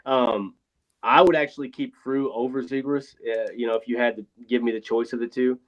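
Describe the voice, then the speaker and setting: Man on a thin, bassless earbud mic. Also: steady tone, a little fast, lo-fi sound. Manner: rambling, frank, swears casually. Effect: thin boxy sound with no bass, like a phone booth. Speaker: podcast co-host. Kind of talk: casual sports chat. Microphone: failing wireless earbuds over a remote call.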